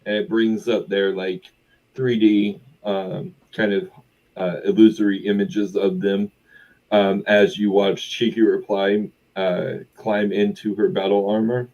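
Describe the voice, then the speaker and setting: Slow, deep-voiced male game master. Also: flat delivery, a little mellow, muffled recording. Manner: halting, many ums and uhs. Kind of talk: narrating a tabletop game.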